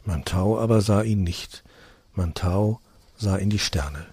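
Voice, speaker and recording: Calm, low-voiced male fairy tale reader. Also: husky, dry recording. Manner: calm, measured storytelling.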